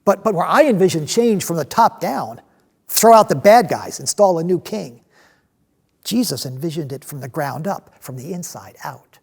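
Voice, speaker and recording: An actor playing a passionate, restless disciple in a dramatic monologue, telling his story with halting, emphatic delivery and repeated words. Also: a little high, lively intonation, creaky, slightly rough, heavily acted. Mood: earnest, fervent. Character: passionate male zealot disciple, restless man of action, recalling Jesus.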